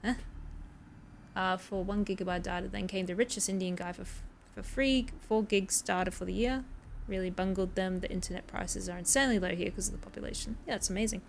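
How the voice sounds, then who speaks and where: A woman's voice: medium pitch, fairly even intonation, fairly quick, creaky, slight background noise. Chatty woman streamer. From Australia. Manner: chatty, rambling, laughs often, swears casually. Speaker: game streamer. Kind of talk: casual chat with live stream viewers.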